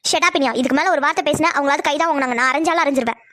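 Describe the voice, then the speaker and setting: A woman's voice: high voice, racing, bright, forceful tone, dry recording, studio quality. A woman voicing a frank younger sister in a cartoon, who scolds in a blunt way. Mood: scolding. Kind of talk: cartoon voice acting.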